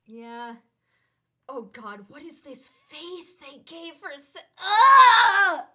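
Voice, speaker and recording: A young adult woman chatting casually through a game playthrough, excitable, giggly and dramatic. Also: high voice, slow pace, heavy background noise. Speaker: gamer voicing the characters.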